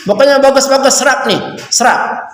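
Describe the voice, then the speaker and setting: A man giving an animated religious talk to students, going from loud urging to hushed warnings. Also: very high voice, moderate pace, slight background noise. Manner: animated, swings from loud to hushed, calls listeners nak. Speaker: religious teacher at a school orientation. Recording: echoey hall with faint ambience.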